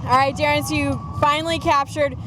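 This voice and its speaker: A woman with a high voice interviews drivers trackside after a race. Outdoor engine noise is clearly heard behind her. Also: fairly even intonation, fairly quick. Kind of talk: post-race interview questions. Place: outdoors at a speedway.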